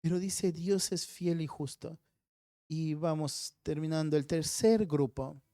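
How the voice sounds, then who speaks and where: Mellow-voiced man teaching Sunday school. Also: on the high side, unhurried, dry recording, studio quality. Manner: explains step by step, often checks in with "¿no es cierto?". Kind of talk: expository Bible teaching. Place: church Sunday school class.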